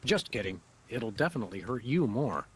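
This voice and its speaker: A man playing a wry, unflappable detective hero in a video game, with a dry, wordy, deadpan manner. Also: medium pitch, brisk, slight background noise, natural voice.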